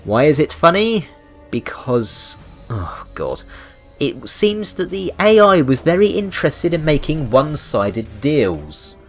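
A British man delivers rambling, unscripted video game commentary in a wry, mock-indignant manner. His fairly high voice is sing-song and slow-paced, with background music behind it.

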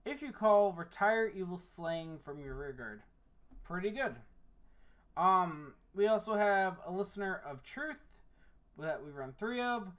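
A tired voice at a middle pitch, talking through a card game deck in a relaxed, casual way. The speaker reads card effects aloud, then drops in quick uh-filled opinions. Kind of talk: casual deck profile walkthrough.

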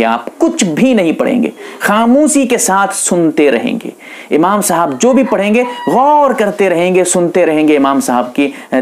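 A male Islamic scholar with an Indian accent explains prayer rules to his audience. He talks patiently and methodically, restating each instruction several times for emphasis. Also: high voice. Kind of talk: religious instruction lecture.

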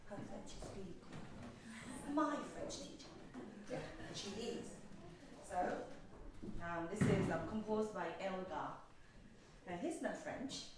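A woman's voice: mid-range voice, expressive, takes it slowly, long pauses. A woman hosting a student concert, introducing pieces in a chatty, hesitant way with many fillers. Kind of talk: casual spoken introductions between pieces. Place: music school concert room. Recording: echoey room, distant mic, loud noise.

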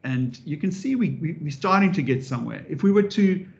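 A man giving an interactive public lecture as a professor, lively and animated, often restarting his sentences and adding wry asides. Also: a little high, a little fast, creaky. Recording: dull lo-fi recording.

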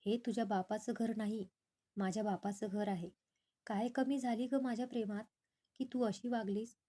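A woman's voice: on the high side, fairly even intonation, moderate pace, dark tone, natural voice. A woman voicing an angry young man who feels betrayed by his lover. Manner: angry, harsh.

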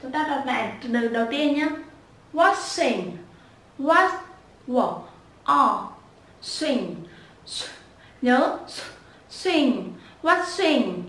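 A woman teaching children pronunciation, repeating each word slowly and breaking it into sounds with patience. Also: high voice. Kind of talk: slow spoken lesson with repeated drills. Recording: echoey room, voice a bit far from the mic.

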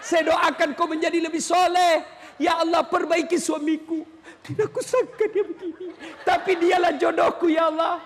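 A man preacher voicing a quick-tempered housewife who nags her husband in a shrill, theatrical way, with a long hall reverb. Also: flat delivery, some chatter behind. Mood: pleading prayer. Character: scolding housewife, middle-aged, quick-tempered.

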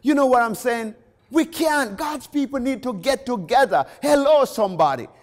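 Male preacher, very high voice, lively swooping delivery, passionate sermon with occasional shouts. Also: normal speed. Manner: impassioned, rising to shouts on key phrases.

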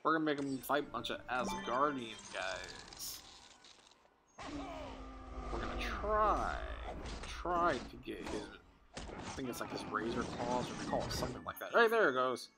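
Man, mid-pitched, upbeat and playful gameplay commentator, home recording with steady hiss. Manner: playful, excitable, talks to his child while playing. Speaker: gameplay video host.

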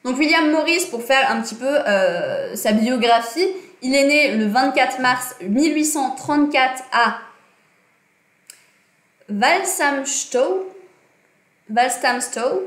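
A woman's voice: sits high, expressive, slow pace, long pauses, a bit bright, roomy sound. A young woman hosting a casual livestream lesson, chatty and full of fillers and self-corrections, talking at her desk in a small room. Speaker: livestream host. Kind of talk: casual livestream talk on design and politics.

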